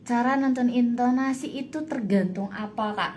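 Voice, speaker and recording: A young woman chatting casually as a voice-over coach, giving tips and acting out quick sample reads. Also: fairly high pitch, a little mellow, a little hiss or hum. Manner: demonstrates reads with acted examples. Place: home, on a phone live stream.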